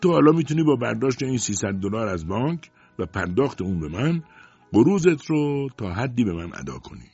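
Guy reading a stingy loud dad in an audiobook, mocking, husky voice. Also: mid-range voice, very animated, no room sound, dull audio, faint music behind, voice pushed up. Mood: scornful. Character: stingy, domineering farmer father, middle-aged man.

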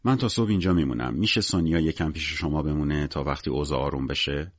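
A man's voice: a bass voice, no echo, muffled recording. A man voicing a weary, menacing gangster in an audiobook, curt and cynical in everyday speech. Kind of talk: audiobook character voice.

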